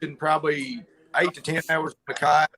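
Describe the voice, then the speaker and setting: Man, video call, choppy connection, halting delivery, faint background hiss. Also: a little high, little pitch movement, bright, forceful tone. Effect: on a video call with a breaking-up connection. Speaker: tournament angler.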